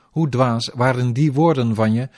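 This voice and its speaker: A man's voice: mid-range voice, moderate pace, natural voice. Rukmini, a devoted queen, read by a man. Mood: adoring. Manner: even, formal devotional reading. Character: devoted queen Rukmini, adoring her divine husband. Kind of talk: scripture reading.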